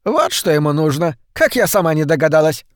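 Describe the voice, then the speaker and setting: A man voicing a grotesque, spider-like old woman who screeches and demands in a high, shrill voice. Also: very animated, a little fast, no echo, studio quality. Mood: scornful.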